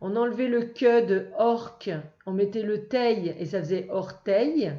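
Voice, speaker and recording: A woman teacher going over answers for a young child, speaking patiently, slowly and clearly. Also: mid-range voice, echoey room, highs cut off. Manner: patient, slow and clear, addressing one child. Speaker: first-grade teacher. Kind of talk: recorded lesson for a young child.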